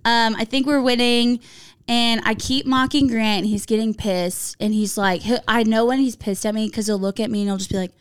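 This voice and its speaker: Woman, podcast host, casual chat, animated storyteller, cusses a lot, higher voice, smooth and clear. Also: normal speed. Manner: animated storytelling, swears freely, acts out quotes. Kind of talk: casual chat among friends.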